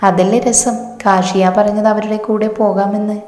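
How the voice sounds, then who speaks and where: A woman's voice: medium pitch, flat delivery, normal speed, a little mellow, natural voice. A woman voicing a sly young woman plotting with her fiancé in a storybook reading, in an echoey room. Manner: sly, conspiratorial. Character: scheming young bride-to-be. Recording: echoey room with long reverb.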